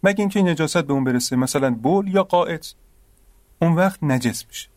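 A young man playing an earnest roommate who patiently explains religious rules, gently exasperated. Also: fairly high pitch, expressive, dry recording, clean studio sound, lightly acted. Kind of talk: radio drama acting.

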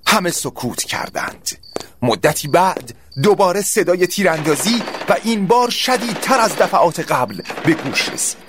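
Expressive male storyteller, noisy recording. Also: high-pitched. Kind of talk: scripted story narration.

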